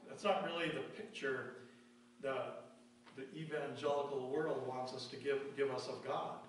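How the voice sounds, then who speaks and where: A man preaching a sermon as pastor, asking rhetorical questions and reading verses aloud in a slow, deliberate cadence. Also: medium pitch. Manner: emphatic preaching, rhetorical questions answered with slow drops in volume. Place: church sanctuary. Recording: very echoey church, distant mic, faint hum.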